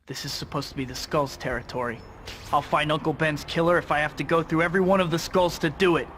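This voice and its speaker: A man's voice: on the high side, steady tone, fast talker, noisy background, close to an everyday voice. A young American man playing an earnest, brooding young superhero, solemnly delivering scripted game narration and dialogue. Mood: grieving, resolute. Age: young adult. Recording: loud music behind the voice.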